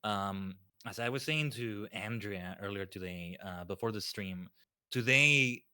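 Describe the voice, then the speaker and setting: A man's voice: on the low side, measured pace, bright, forceful tone, clear, resonant tone. A man chatting casually as a guest on a livestream, rambling and often repeating his phrases. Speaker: guest streamer.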